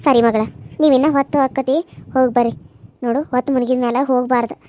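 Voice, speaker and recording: A woman's voice: high-pitched, level tone, fast, dark tone, lightly acted. A woman voicing a caring village mother in a cartoon serial, giving fussy, motherly advice with a North Karnataka Kannada accent. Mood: advising. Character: middle-aged village mother, caring and advising.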